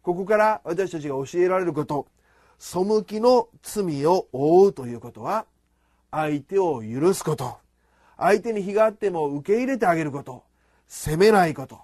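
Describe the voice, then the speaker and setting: A man's voice: on the high side, expressive, darkish tone, no echo. Formal Japanese male preacher, dry sound. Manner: formal, measured preaching with emphatic rises. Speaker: pastor. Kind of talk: sermon.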